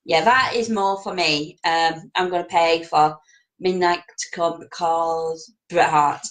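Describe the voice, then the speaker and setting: A woman's voice: fairly low pitch, fairly even intonation, measured pace, a bit bright, low-quality recording. A woman co-hosting a casual chat, hesitant, with many ums and agreeing yeahs. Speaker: podcast co-host.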